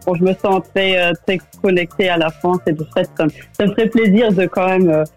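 A woman's voice: fairly low pitch, steady tone, a little fast, a little mellow, soft background music. A young woman with a German accent speaking French, answering radio interview questions in a hesitant way and often repeating words. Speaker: interview guest.

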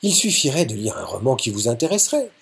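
A man's voice: medium pitch, very animated, fast talker, vocal fry. A man voicing a serious, composed young woman tutor who asks precise questions in a storybook reading. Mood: measured.

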